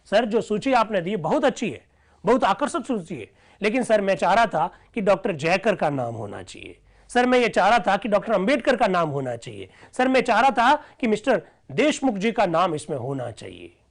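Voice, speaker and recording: A man's voice: high voice, big pitch swings, moderate pace, creaky. A man teaching an online class who reads out old debate records and explains them, often asking whether his listeners follow.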